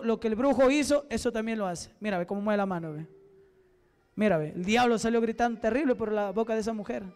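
A Peruvian man, a deacon with a Peruvian Spanish accent, leading a fervent deliverance prayer at a church service and shouting repeated commands. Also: sits high, clean tone, long reverb tail. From Peru.

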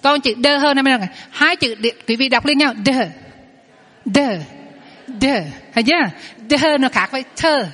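A woman teaches as a Buddhist nun, her fairly high voice carried through a hall with a long trailing reverb. She explains patiently and slows down to drill new words, saying each twice for her class. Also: fairly bright tone. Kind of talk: Dharma lesson with pronunciation drills.

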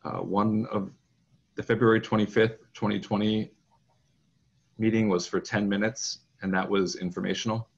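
Low, gravelly man chairing a board meeting. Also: little pitch movement. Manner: procedural, measured, with frequent fillers. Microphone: video call. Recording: muffled video call audio.

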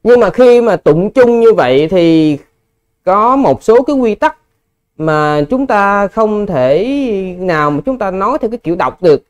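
A man's voice: sits high, lively intonation, a little slow, smooth, dull audio. A male Buddhist monk answering a Dharma question, explaining patiently and addressing his listeners politely. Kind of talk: Dharma Q&A teaching.

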